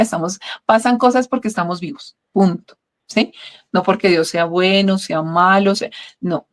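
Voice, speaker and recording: A middle-aged woman, earnestly telling her own testimony in an interview, often checking in with "¿sí?". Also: medium pitch. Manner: earnest, reflective, often asks "¿sí?". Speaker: guest sharing a testimony.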